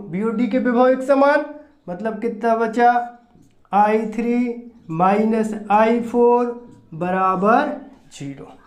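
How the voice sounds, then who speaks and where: A physics teacher giving a recorded lecture, repeating each step and asking quick rhetorical questions to check understanding. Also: mid-range voice. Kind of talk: recorded classroom-style lecture. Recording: roomy echo.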